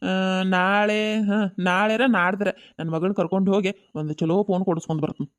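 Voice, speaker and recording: A mid-pitched, quick-talking village father, voiced by a performer who keeps trying to calm everyone down. His speech has a North Karnataka accent and a gentle, coaxing manner. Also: lightly acted. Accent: North Karnataka Kannada. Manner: coaxing, calming tone. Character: soothing village father, peacemaker.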